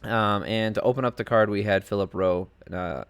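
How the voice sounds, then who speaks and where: Low-pitched male podcast host, chatty and rambling, casual solo commentary from a home desk. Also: fairly even intonation, moderate pace, a bit bright, smooth. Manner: rambling and chatty, heavy on fillers and asides. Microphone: home desk setup.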